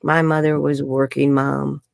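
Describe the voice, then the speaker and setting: A woman in her 70s from New York tells her life story frankly as an interview guest, chatty and laughing often, and she says "bloody." Her voice is rumbling, low, gravelly and darkish, with a flat delivery at a moderate pace. The studio-quality recording has no room sound.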